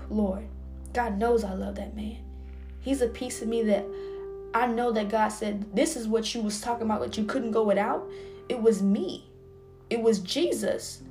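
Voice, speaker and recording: Woman preaching fervently over guitar music. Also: a little high. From Texas. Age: 20s. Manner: impassioned, swings between soft whispers and fervent outbursts. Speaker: podcast host. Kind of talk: preaching podcast monologue. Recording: music playing underneath.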